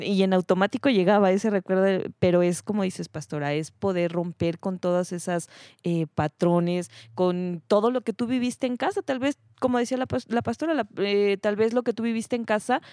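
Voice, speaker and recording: A reflective woman with a lowish voice shares her thoughts on a casual talk show. She hesitates often and fills pauses as she thinks. The sound is dry and close. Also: dark tone, dry recording. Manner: reflective, hesitant with many fillers.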